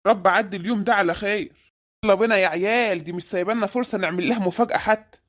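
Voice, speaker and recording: A performer voicing a stingy, grumbling middle-aged husband with an Egyptian accent, who scolds his wife in a quick, nagging way. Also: medium pitch, a bit bright, close to an everyday voice. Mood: wary.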